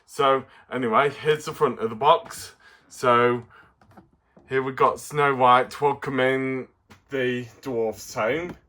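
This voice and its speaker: A man with a mid-range voice presents a casual toy review straight to camera, with slight background noise. He sounds excitable and playful in a kids-show manner, often pausing and faltering.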